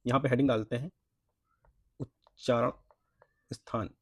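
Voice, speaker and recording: A man teaching an exam-prep language lesson, sounding out syllables slowly and asking and answering his own questions. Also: medium pitch, fairly even intonation, darkish tone, no room sound, studio quality. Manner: repeats points, asks and answers own questions, says "friends" often; spells out syllables slowly for practice.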